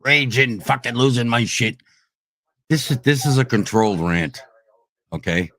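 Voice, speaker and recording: A man in a heated, profane livestream rant at online trolls, swinging between shouting and low growls. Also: lively intonation, a little slow. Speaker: streamer ranting at online trolls.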